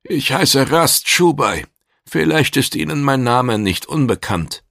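A man voicing a composed, persuasive male teleporter who speaks with measured confidence. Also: mid-range voice, expressive, vocal fry, a bit bright, no room sound, studio quality, pitched above the performer's own voice. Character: calm, self-assured male teleporter visitor.

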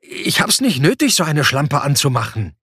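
A man's voice: very animated, takes it slowly, a bit bright, no room sound, studio quality, heavily acted. A man voicing a beaten, frightened young man who pleads in a strained, raised voice. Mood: defiant. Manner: strained, pleading, high-pitched.

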